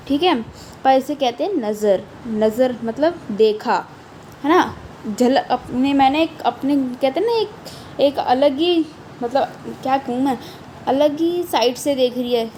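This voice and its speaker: A woman's voice: high voice, dark tone, a little hiss or hum, rough recording. A young woman teacher, explaining a poem line by line, reading each line aloud and repeating the meanings.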